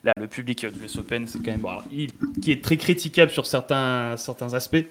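A man's voice: medium pitch, fast talker, fairly bright tone, slight background noise. A man from France hosting a casual chat, hesitant and full of restarts and fillers.

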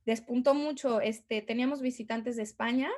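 A woman's voice: a little high, fairly even intonation, normal speed, a little mellow. A Mexican woman talking as a guest on a podcast, in a chatty way with many fillers and restarts. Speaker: guest, tour guide. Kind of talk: casual podcast conversation.

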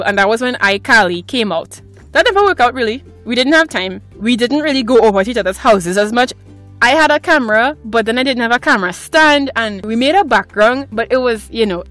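A woman's voice: fairly high pitch, fairly bright tone. A woman in her twenties hosting her own podcast from a closet at home, talking in a chatty, rambling, self-mocking way. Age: 20s. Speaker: podcast host. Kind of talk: casual solo podcast chat. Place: small clothes closet at home.

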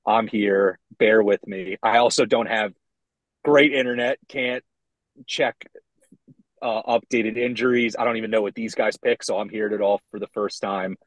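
A low-pitched man calls in over a phone line, his voice dry and close with no room around it. He rambles loosely and swears casually as a podcast co-host, speaking from inside a parked car. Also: steady tone, moderate pace, no room sound. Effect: talking over a phone line. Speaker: co-host of a sports betting podcast. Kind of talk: casual chat.

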